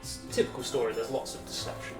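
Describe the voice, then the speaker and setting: A man's voice: medium pitch, fairly even intonation, fast, distant mic. A man, chatting and laughing often as a podcast co-host. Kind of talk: casual chat reacting to music. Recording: echoey room, mic set back, music playing.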